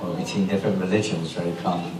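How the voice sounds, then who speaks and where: A man's voice: sits low, steady tone, rapid-fire, crowd noise. A man giving an informal spiritual class in a temple hall, talking in a conversational, rambling way with restarts and chuckles. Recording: roomy hall audio from a distance, noisy.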